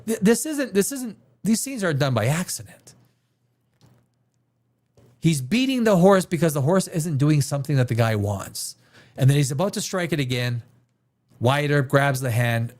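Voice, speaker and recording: With a fairly high, animated voice, a darkish tone, a measured pace and long pauses, this Canadian host rambles about films. He's casual yet emphatic and opinionated, repeating phrases to make points land.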